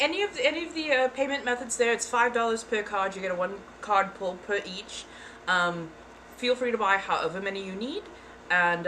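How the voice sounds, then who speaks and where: Medium in pitch and sharp in tone, a female livestream host gives tarot readings in a showy put-on accent from start to finish, calling viewers "darling." The recording is low quality, with slight background noise.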